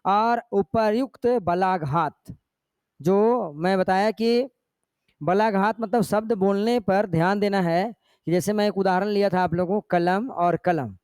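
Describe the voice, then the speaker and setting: A man's voice: high voice, measured pace, a little mellow, smooth, no echo, clean studio sound. A male teacher giving a classroom lecture, explaining step by step and often checking in with his students. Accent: Jharkhand Hindi.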